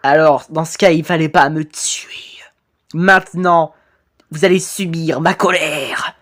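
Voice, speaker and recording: A woman voicing a menacing ghostly male titan with a camera head, speaking slowly, low and threatening. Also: fairly even intonation.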